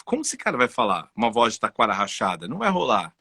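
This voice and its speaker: A Brazilian-accented man speaks as a guest in a relaxed interview, animated and personal as he tells stories. His voice is husky yet bright and forceful. The sound is dry and close. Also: lowish voice, fast, no room sound. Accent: Brazilian Portuguese. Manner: animated, personal storytelling with frequent "entendeu?". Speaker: guest voice and communication specialist. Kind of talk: casual conversational interview.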